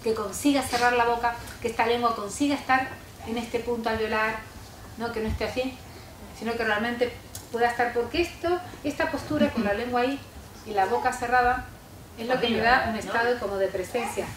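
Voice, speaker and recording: A woman's voice: fairly high pitch, brisk. A woman giving a workshop talk, explaining in an instructive way and checking in with her listeners with short question tags. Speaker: speaker giving a talk on how adults speak to children. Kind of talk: workshop lecture with spoken demonstrations. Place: lecture room with a live audience. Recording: echoey room, voice far from mic, background noise.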